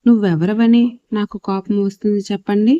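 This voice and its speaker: A man's voice: sits high, fairly even intonation, a little fast, mellow, no echo, highs cut off, lightly acted. A woman voicing a bitter blind young husband. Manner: bitter, pleading.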